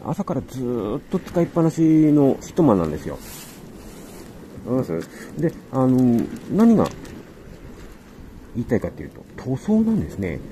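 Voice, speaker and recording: A man's voice: medium pitch, dark tone, low-quality recording. A man fishing from a rocky seashore, explaining his catch and lure technique to viewers in a casual running commentary, recorded on a body-worn camera. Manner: chatty, explains technique to viewers while reeling. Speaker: fishing vlogger. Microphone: body-mounted action camera. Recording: windy seaside with wave noise. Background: wind and crashing waves.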